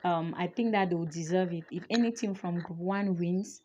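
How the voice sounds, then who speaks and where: A woman's voice: lowish voice, normal speed, dark tone, highs cut off, a little hiss or hum. Chatty young woman commentator. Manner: chatty and opinionated, thinking aloud with fillers. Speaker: reality show commentator. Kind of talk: casual chat.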